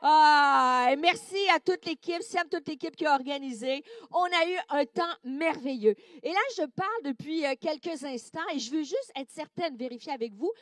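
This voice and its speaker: A woman with a Québécois accent, a guest preacher giving a sermon, animated and playful with many hesitations. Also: high-pitched, normal speed, hardly any pauses, dry recording, clean studio sound. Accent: Québécois French. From Quebec, Canada.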